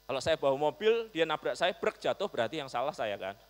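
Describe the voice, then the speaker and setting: A man's voice: fairly high pitch, a little fast. Pastor guy telling a story in his sermon, voice jumps all over, big echoey hall with hum. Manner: animated, swings between loud and soft. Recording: long reverb, mains hum.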